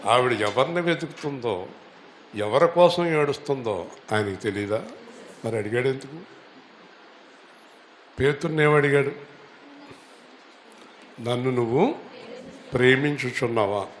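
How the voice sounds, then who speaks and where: Male pastor, mid-pitched voice, preaching in a roomy church hall with faint ambience behind. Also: a little slow, long pauses, a little hiss or hum. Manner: asks the congregation questions and has them repeat lines; rising to loud, high exhortation. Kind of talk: Telugu church sermon.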